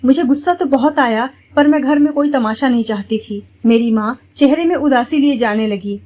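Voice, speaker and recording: A woman tells a first-person family story in a steady, plain way. Her voice sits high. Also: moderate pace.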